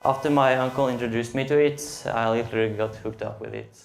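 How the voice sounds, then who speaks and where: Hesitant young Norwegian man, gravelly voice. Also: mid-range voice, fairly even intonation, brisk, slight background noise. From Norway. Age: late teens. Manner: hesitant, with frequent "uh" and "um" fillers. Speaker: conference speaker. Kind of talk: tech meetup presentation. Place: meetup event room. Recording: roomy echo of a meeting room.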